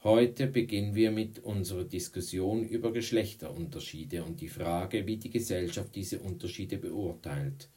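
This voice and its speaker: A man's voice: sits low, moderate pace, few pauses, dark tone, recorded from a distance, close to an everyday voice. A man doing a friendly, witty teacher. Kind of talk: audiobook reading.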